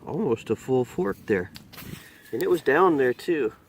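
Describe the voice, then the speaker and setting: This man's mid-range, sing-song voice carries his casual outdoor vlog as he digs for metal detecting finds in a muddy field, thinking aloud. He speaks at a measured pace, and a little hiss or hum is audible.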